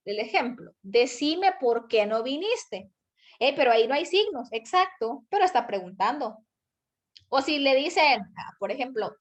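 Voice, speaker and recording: A woman teacher giving an online grammar lesson, explaining step by step and repeating example sentences slowly. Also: fairly high pitch.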